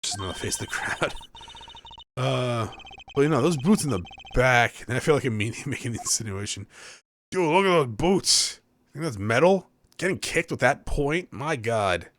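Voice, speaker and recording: A man's voice: medium pitch, animated, normal speed, a bit bright, slight background noise. A man hosting a let's play, commenting on a game in an offhand, joking way and laughing often. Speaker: gaming channel host.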